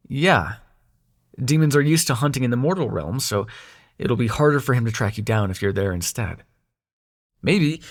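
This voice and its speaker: A man voices a snarky young demon prince of nightmares who is secretly soft-hearted, speaking straight to the listener in an intimate audio roleplay. His medium-pitched voice is gravelly and sardonic, teasing yet uneasy, and he turns hesitant whenever he shows affection.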